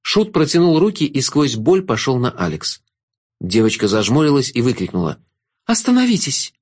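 A man narrating an audiobook with expressive storytelling. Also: medium pitch, normal speed.

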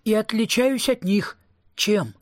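A man's voice: high-pitched, takes it slowly, no room sound, clean studio sound, pitched above the performer's own voice. A man doing a whiny young vampire guy. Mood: grumbling. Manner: whiny, grumbling.

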